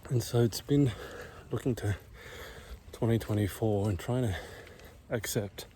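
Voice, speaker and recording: Out of breath on an uphill walk in a quiet neighborhood, a middle-aged vlogger whispers a casual monologue in hushed tones. He sounds on the low side and speaks at a measured pace, with slight background noise.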